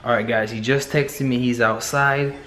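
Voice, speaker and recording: A man's voice: medium pitch, steady tone, normal speed, over loud music. A young man filming a casual prank vlog at home, teasing and laughing with his friend. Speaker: vlogger pulling a prank. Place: home, indoors. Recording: noisy home video.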